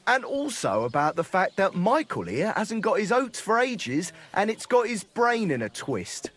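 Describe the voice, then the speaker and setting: A rowdy, bawdy troubadour. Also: male voice, high voice, very animated, a little slow, a bit bright, heavily acted. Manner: crude, boisterous, mocking. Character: bawdy, boozy male troubadour, crude and cheerful. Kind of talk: video game cutscene acting.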